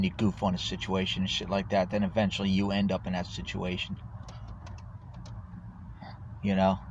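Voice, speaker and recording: A man's voice: low-pitched, slight background noise. A homeless man ranting to his phone camera outdoors, swearing a lot and restarting his sentences, on dull lo-fi audio. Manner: angry, swearing, stammering restarts. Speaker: homeless vlogger. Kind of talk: profane rant to camera.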